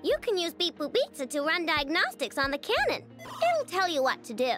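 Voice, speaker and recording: A woman's voice: very high-pitched, sing-song, normal speed, music in the background. An actress voicing a confident young girl inventor in a video game, speaking in a breezy, casual, matter-of-fact way.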